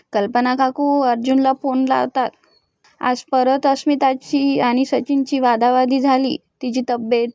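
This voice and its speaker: High-voiced woman retelling a serial episode. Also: darkish tone, no room sound, dull audio. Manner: reads every character's lines in turn. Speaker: episode recap narrator.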